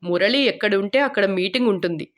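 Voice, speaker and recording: A woman's voice: medium pitch, a little fast, natural voice. A woman reading the part of a joking young man who sells tires, teasing his friends in an easy, clowning way. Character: joking young male tire merchant, class clown.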